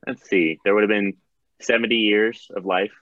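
A man's voice: fairly low pitch, fairly even intonation, moderate pace, fairly bright tone, highs cut off. A man playing a tabletop game, chatting casually and thinking aloud. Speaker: player.

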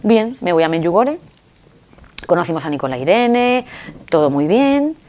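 A woman telling a personal story in an interview, expressive and acting out dialogue. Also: normal speed. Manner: expressive, acts out dialogue with sudden pitch jumps. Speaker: interviewee sharing a personal testimony. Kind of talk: animated storytelling.

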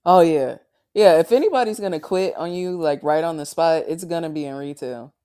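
A woman chatting casually in a relaxed, laid-back way. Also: low-pitched, brisk. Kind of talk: casual chat.

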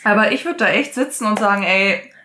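A woman's voice: medium pitch, quick pace, pushed and bright, slight background noise. A young woman co-hosting a casual podcast, speaking frankly and colloquially with blunt opinions. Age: young adult. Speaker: podcast co-host. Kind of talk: casual recap chat.

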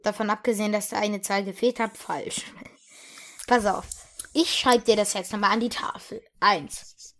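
A woman's voice: medium pitch, steady tone, unhurried, fairly bright tone, voice pushed down. A woman playing a fussy, flustered schoolteacher who hesitates a lot, in a comedic role-play sketch. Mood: flustered, stern. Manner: hesitant, lots of um and uh.

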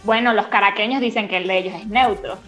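A young Venezuelan woman co-hosting a podcast, chatting casually and loudly, acting out what other people say to her. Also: mid-range voice, fast, soft background music. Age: young adult. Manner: loud, animated storyteller who acts out quotes. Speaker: podcast co-host. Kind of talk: casual chat.

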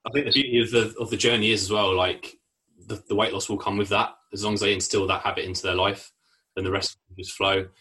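A man's voice: on the low side, level tone, quick pace, sharp tone, low-quality recording. A man hosting a casual fitness podcast interview, with an affirming, laid-back, slangy way of talking. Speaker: podcast host, fitness coach.

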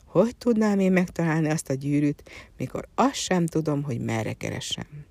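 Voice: medium pitch, expressive, gravelly, darkish tone, no room sound. A storyteller voicing a worried young servant hero of a folk tale who sighs over his hopeless tasks. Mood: plaintive. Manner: sighing, lamenting.

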